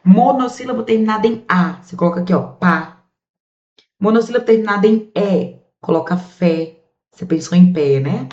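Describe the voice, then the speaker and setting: A Brazilian woman teaching a grammar lesson in a chatty, lively way, drawing out the words she stresses. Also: medium pitch, normal speed. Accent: Brazilian Portuguese. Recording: muffled, echoey room.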